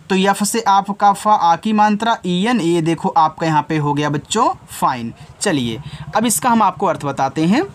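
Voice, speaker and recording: Man slowly spelling out words for children. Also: high voice. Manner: spells letters slowly, asks and answers own questions. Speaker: English teacher for children. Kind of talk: spelling and explaining lesson.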